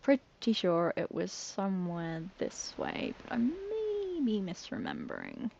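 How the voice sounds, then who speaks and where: British woman, live-streaming a game, casual chat, laughs easily, stumbles over words, average pitch, dull lo-fi sound. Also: wildly swooping pitch, a little slow, gravelly, a little mellow, a little hiss or hum. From Britain. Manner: chatty, giggly, self-mocking, trips over words.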